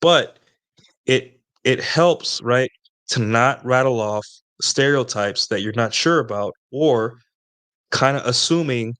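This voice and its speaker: A man's voice: mid-range voice, slow pace, a bit bright, smooth. A man speaking in a casual, rambling way, giving dating advice to viewers and often checking in with "right?". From Latin America. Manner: rambling, conversational, frequent "right?" tag questions.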